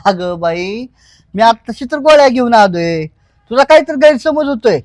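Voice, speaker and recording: A woman's voice: a little high, animated, normal speed, a little mellow, dry recording, natural voice. A woman playing a puzzled, dismissive village husband in a comedy skit, brusque yet coaxing, with a rural Marathi accent.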